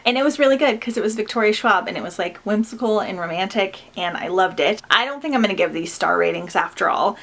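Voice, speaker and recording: A woman's voice: medium pitch, animated, fast, vocal fry, few pauses, fairly bright tone. A woman giving a chatty, gushing book review in a casual vlog style, enthusiastic and informal, often saying "like". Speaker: book vlogger.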